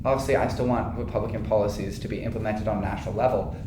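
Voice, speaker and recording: Teen male debater, measured, steady, far from mic, noisy background. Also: on the low side. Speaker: student debater. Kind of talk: casual debate. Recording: distant mic in roomy room with background noise.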